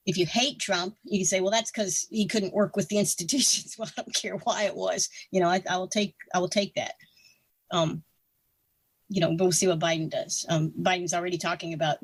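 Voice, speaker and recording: A woman's voice: fairly low pitch, breathy edge, no room sound. A woman of sixty, a podcast guest, giving frank, opinionated views in casual talk full of restarts and fillers. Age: 60s.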